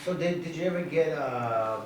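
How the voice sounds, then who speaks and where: A man's voice: a little high, normal speed. A man interviewing a guest, asking direct and encouraging questions. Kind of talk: casual interview. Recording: roomy, distant mic, faint noise.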